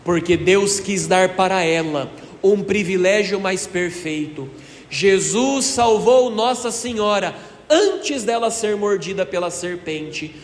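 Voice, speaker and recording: Folksy priest, high voice, echoey hall. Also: male voice, expressive, takes it slowly. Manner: folksy storytelling, asks the congregation questions. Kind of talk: sermon. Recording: echoey hall reverb, faint ambience.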